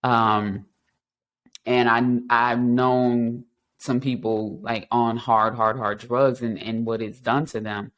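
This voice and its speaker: A man's voice: medium pitch, little pitch movement, takes it slowly, a bit bright. A man in his thirties hosting a recovery talk show, speaking earnestly and reflectively about his past and encouraging listeners, with frequent ums and restarts. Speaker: podcast host. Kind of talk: personal testimony and encouragement.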